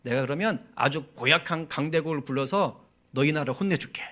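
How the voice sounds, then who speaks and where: A man's voice: a little high, fairly quick, pushed and bright. A male pastor voicing God as a blunt, fatherly figure who talks casually to a prophet.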